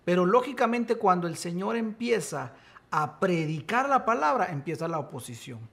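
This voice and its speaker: A man's voice: high voice, very animated, moderate pace, vocal fry, fairly bright tone. A man preaching and teaching from the Bible, emphatic, rising to exclamations. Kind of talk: sermon-style Bible teaching.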